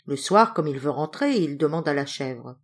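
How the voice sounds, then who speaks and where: Lively woman reading a fairy tale. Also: sits low, moderate pace. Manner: expressive, lilting read-aloud. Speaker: storyteller. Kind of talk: fairy tale read aloud.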